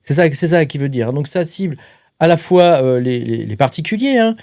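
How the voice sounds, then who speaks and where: A man's voice: a little high, lively intonation, normal speed, a little mellow, dry recording, clean studio sound. A man hosting a crypto channel, talking casually to the viewer with lots of fillers and a tag question after almost every phrase. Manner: chatty, filler-heavy, keeps adding "hein". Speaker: crypto mining channel host. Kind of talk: casual explainer talking to camera.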